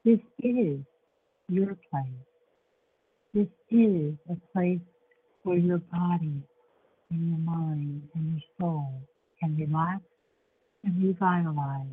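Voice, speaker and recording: A woman leading a guided relaxation meditation in a soothing, measured way, with long pauses between short phrases. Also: fairly low pitch. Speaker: show host and guided imagery facilitator. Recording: dull lo-fi sound with faint background noise.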